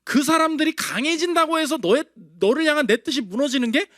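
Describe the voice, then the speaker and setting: A man's voice: very high-pitched, animated, a little fast, a bit bright, no echo, studio quality. A male pastor preaching a sermon in a conversational way, firing rhetorical questions at his congregation.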